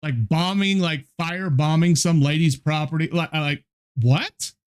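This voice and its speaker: A man comments on a video as he watches it. He talks casually, rambling through asides and fillers, and his voice sits a little high for a man. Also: moderate pace, clean tone. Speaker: reaction video host.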